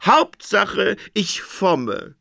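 Man doing a lusty queen, high falsetto-ish, pushy, bright tone, comic storybook voice. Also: wildly swooping pitch, very slow, vocal fry, no echo, clean studio sound, exaggerated voice. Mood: sultry. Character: lustful demanding queen, grown woman.

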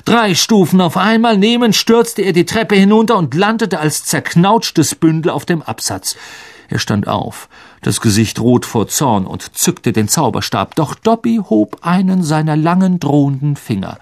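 An audiobook reader narrating a fantasy story in measured, scripted storybook style. The pace is slow and deliberate while the melody moves in wide, lively arcs. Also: mid-range voice. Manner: unhurried and expressive.

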